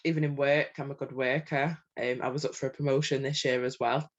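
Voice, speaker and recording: A woman's voice: rumbling low, little pitch movement, a little fast, dull audio. A middle-aged woman talking openly as a coaching client, hesitant and full of ums, with small self-conscious laughs. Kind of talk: candid conversational talk.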